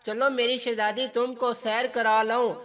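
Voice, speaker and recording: Man reading as a gentle indulgent father. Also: extremely high pitch, flat delivery, measured pace. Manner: gentle, soothing. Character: loving, indulgent middle-aged father.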